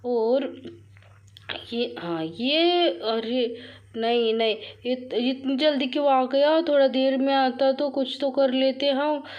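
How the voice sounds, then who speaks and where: A woman's voice: high voice, highs cut off. A woman casually commenting on her mobile game as she plays, chatty with viewers, often crying out and repeating words when things go wrong. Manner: excitable, frequent cries and repeated words; addresses viewers as friends, chatty. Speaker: gaming channel host. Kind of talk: live commentary while playing a mobile game.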